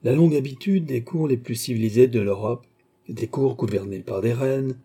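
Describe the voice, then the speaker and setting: A man reading classic novel narration in a measured, even manner. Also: medium pitch, breathy edge. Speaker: audiobook narrator. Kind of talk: scripted narration.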